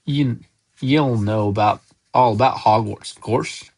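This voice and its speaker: Storybook giant: gruff, folksy, blustering, kindly , man reading. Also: mid-range voice, unhurried. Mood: gruff, exasperated. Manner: loud blustering outbursts, folksy speech.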